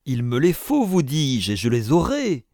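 A man voicing an irritable, excitable professor who speaks brusquely and insists. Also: medium pitch, unhurried, no echo, clean studio sound, voice pushed up. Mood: insistent.

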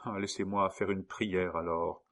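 A man's voice: low-pitched, steady tone, a little slow, fairly bright tone. A man reading an audiobook and voicing a guilt-ridden young woman who murmurs and begs in despair. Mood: pleading.

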